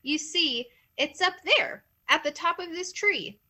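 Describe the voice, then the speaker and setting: A woman's voice: very high-pitched, animated, a little slow, sharp tone, voice pushed up, heavily acted. A woman voicing a scrawny, sly old male hare who talks sweetly and innocently to trick a coyote. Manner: sweet, innocent-sounding, cunning.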